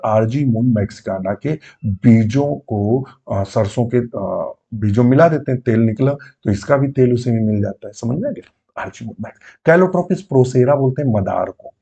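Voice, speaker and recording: A man teaching biology for an exam-prep class, repeating key terms and firing quick questions back at his students. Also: medium pitch, mellow, slightly rough.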